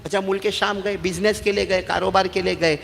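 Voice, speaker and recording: A high-pitched male preacher with a gravelly edge, his voice tense and forceful. He exhorts the congregation, pulls call-and-response from them, and climbs into shouts. Long reverb rings around him in a mosque hall. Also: level tone, a little hiss or hum. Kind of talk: sermon.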